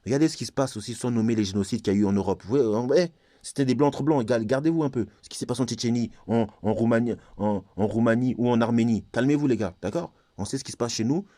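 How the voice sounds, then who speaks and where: Man, insistent and repetitive ranting vlogger, low warm tone, dead-dry room. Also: fast talker, dry recording. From Congo. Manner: heated, insistent, repeats phrases, often talks straight to viewers. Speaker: YouTuber. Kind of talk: ranting monologue to camera.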